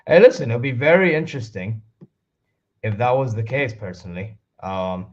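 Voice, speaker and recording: A man's voice: medium pitch, expressive, normal speed, darkish tone, highs cut off. A man chatting casually as a wrestling fan co-host, slangy and repetitive, often saying bro. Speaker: wrestling talk show co-host. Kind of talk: casual chat, fan debate.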